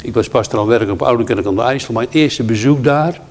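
A man's voice: mid-range voice, brisk, slight background noise. A man preaching a sermon, earnest, quoting scripture and hymn verses and telling a pastoral story. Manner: earnest, quotes scripture and hymns.

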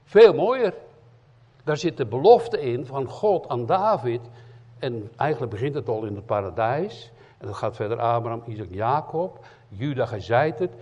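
A man preaching a sermon in as an evangelist, emphatic, swinging between loud cries and quiet earnest asides. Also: medium pitch, lively intonation, normal speed. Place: church hall. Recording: dull lo-fi sound in a reverberant church hall.

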